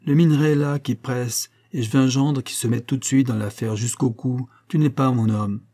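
A man reading aloud, voicing a gruff, stubborn older father who scolds and refuses curtly in a rough voice. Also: medium pitch, steady tone, normal speed, mellow, close to an everyday voice. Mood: stubborn refusal. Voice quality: rough, growling. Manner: scolding, curt and domineering.

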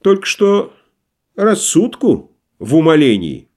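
A man's voice: on the high side, huge pitch swings, takes it slowly, darkish tone, pitched above the performer's own voice, exaggerated voice. A man voicing a wily, stubborn merchant who talks in a folksy, obsequious way, in an audiobook play reading. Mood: wheedling stubborn. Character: wily, stubborn middle-aged male merchant.

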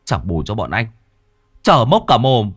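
A man voicing a timid, soft-hearted young village man who stammers. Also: on the low side, huge pitch swings, a little slow, slightly rough, exaggerated voice. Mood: indignant.

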